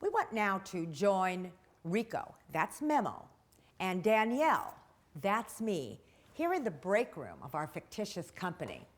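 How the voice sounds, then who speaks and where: Brisk woman trainer, animated pitch. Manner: brisk, plain-spoken, jokey. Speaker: workplace trainer. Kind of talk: training presentation.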